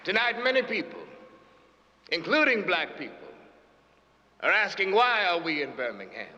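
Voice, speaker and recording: An actor playing a commanding, eloquent civil rights preacher, speaking in emphatic, rhetorical drama oratory. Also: male voice, high voice, sing-song, normal speed, sharp tone, dull audio, exaggerated voice. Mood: solemn, measured. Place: large hall with an audience. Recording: noisy echoing hall with crowd.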